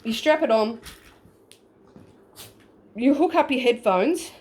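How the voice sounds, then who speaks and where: A woman's voice: fairly high pitch, expressive, slow pace, a little mellow. A woman, a paranormal investigator, explaining a gadget step by step in a casual video recorded on her phone, often checking in with "okay?". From Australia. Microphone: phone, front camera.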